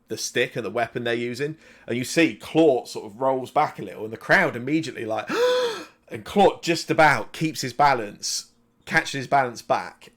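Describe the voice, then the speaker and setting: A man runs a tabletop game as its game master, narrating the action. He rambles and corrects himself as he goes. His pitch is mid-range, and he speaks into a desk microphone at home. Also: a bit bright.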